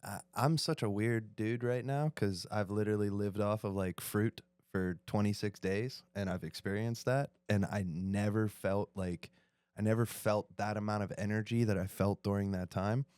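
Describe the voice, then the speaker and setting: A man's voice: lowish voice, fairly even intonation, moderate pace, a little mellow, smooth, no room sound, clean studio sound. A man co-hosting a casual group podcast, enthusiastic and full of slang. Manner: enthusiastic, slangy, calls people dude. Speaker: podcast co-host.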